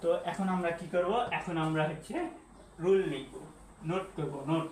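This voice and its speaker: A man's voice: a little high, measured pace, darkish tone. A man teaching an English grammar lesson at a whiteboard, asking the class questions and repeating the key points. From Bangladesh. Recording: echoey room, faint background hiss.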